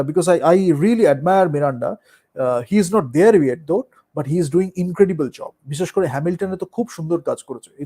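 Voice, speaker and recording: A man with a Bengali accent, a musician and performer, talking in a casual, thoughtful way, slipping English phrases into his speech and pausing with fillers. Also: on the high side, mellow. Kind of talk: casual talk on art and performance.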